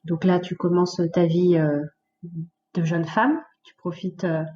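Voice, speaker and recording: A woman in her late thirties, a podcast guest, telling her life story in a lively, casual way with many fillers. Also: on the low side, unhurried, lo-fi sound, slight background noise. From France, of Portuguese origin. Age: late 30s. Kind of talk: casual conversational interview.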